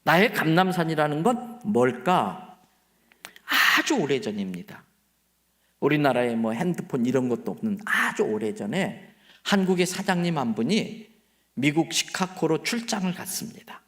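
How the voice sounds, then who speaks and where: A male pastor preaching a revival sermon in a church, telling stories with animated swings and dropping to quiet asides. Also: a little high, moderate pace.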